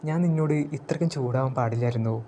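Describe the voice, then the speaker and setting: A man voicing a calm young mage. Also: mid-range voice, quick pace, slight background noise, lightly acted.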